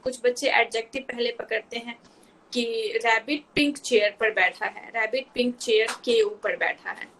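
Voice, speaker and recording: A woman's voice: fairly high pitch, steady tone, measured pace, a bit bright, slight background noise, rough recording. A woman speech therapist in a live online session, patiently explaining step by step to parents and mixing in English terms.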